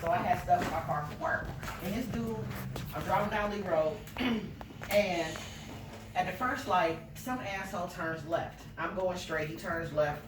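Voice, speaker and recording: A woman's voice: on the low side, unhurried. A woman co-hosting a podcast, telling stories in casual, profane chat. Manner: profane, animated storyteller. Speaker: podcast co-host. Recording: echoey room, distant mic, noisy.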